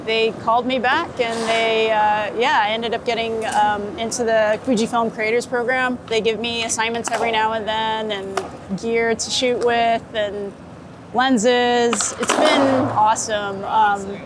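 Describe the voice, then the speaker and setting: Out on a city street beneath a bridge, with traffic and urban noise all around, a woman photographer is interviewed as she takes street portraits. She chats in a relaxed, giggly, unscripted way, her voice on the high side, steady and unhurried.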